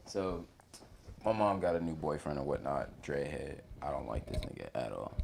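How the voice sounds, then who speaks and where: Young man, low pitch, faint background noise, slangy casual podcast talk. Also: expressive, moderate pace, vocal fry. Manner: slangy, swearing, laughs along. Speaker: podcast co-host. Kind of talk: casual chat.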